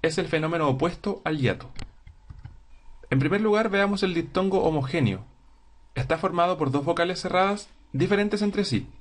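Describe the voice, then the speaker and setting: Higher-voiced man teaching a grammar lesson. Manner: slow, clear explanation, sounding out syllables.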